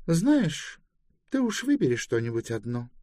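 A teasing young woman from an audiobook, sure of herself and quick with a barb. The voice sits higher than his own and leaps lively up and down. The read is unhurried and close-miked in a dry booth. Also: no echo. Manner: playful, sharp-tongued retorts. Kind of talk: audiobook dialogue acting.

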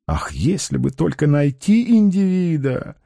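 A self-assured male con man, ironic and grandly eloquent, as a male reader puts him on. His delivery rises and falls widely, and his tone is mellow and warm. The sound is dry and close, with no room around it. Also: on the high side, wildly swooping pitch, unhurried, vocal fry, no echo, full character voice.

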